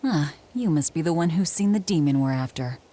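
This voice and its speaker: Low-voiced, blunt warrior woman. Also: lively intonation, brisk, dark tone. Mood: businesslike. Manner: curt, cool. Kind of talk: video game dialogue.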